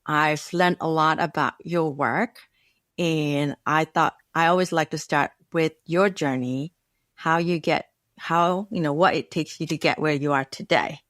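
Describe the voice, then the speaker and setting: A woman's voice: low-pitched, steady tone, unhurried, a bit bright, dry recording, clean studio sound. Woman host reading a formal intro. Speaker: podcast host. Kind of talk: scripted introduction and interview.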